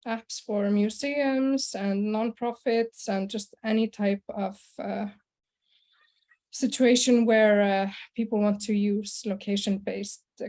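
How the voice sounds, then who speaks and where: A young woman from Iceland giving a conference presentation over a video call, relaxed, with many fillers and throat clearing. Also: a little high. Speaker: conference presenter, sales and marketing director. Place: small room indoors.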